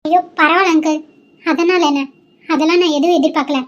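Woman doing a shy young cartoon bride, soft polite pleading, high voice. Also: steady tone, a little fast, dull audio, close to an everyday voice.

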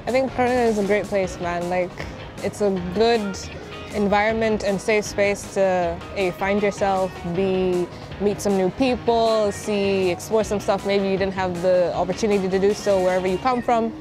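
A woman's voice: medium pitch, steady tone, normal speed. Laid-back young woman from Tanzania. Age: young adult. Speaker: student. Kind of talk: casual interview answers. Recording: background music under the voice.

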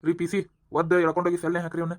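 A man's voice: a little high, completely flat delivery, very fast, lightly acted. A man voicing a bossy police inspector in a cartoon, scolding and giving orders. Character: gruff hungry male police inspector. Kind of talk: cartoon voice acting.

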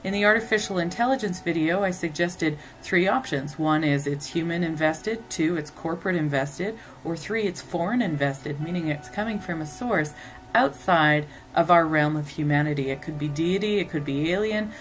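A woman's voice: sits low, moderate pace, poor audio. A woman hosting a commentary show, talking in an earnest, speculative way. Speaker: host. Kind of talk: scripted commentary.

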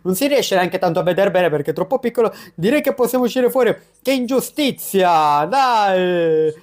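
A young gaming YouTuber with a voice that sits high gives chatty, excitable let's-play commentary, now and then breaking into quick, panicked yelps.

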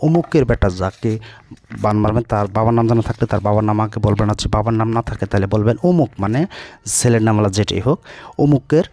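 A man's voice: lowish voice, fairly even intonation, very fast, mellow. A man, a folk healer giving brusque, repetitive spoken instructions to the camera. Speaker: folk healer demonstrating a ritual.

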